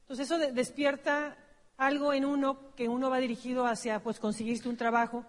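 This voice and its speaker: A Mexican woman tells her own story to a seminar audience and corrects herself as she goes. Her voice sits fairly high. The long reverb of a large hall trails after her words. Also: little pitch movement, a little fast. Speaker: business seminar presenter. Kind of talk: personal storytelling on stage.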